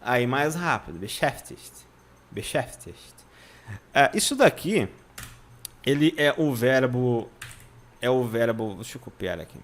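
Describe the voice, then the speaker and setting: A Brazilian man teaching German in an online lesson. He spells out words slowly, repeats them syllable by syllable and keeps checking in with his viewers. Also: medium pitch, lively intonation. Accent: Brazilian Portuguese. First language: Portuguese.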